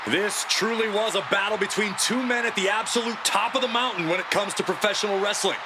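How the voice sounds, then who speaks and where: High-pitched, excited male wrestling commentator. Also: a little fast. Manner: dramatic, emphatic. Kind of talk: excited play-by-play and color commentary on a wrestling match. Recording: loud crowd noise behind. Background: roaring arena crowd, slams.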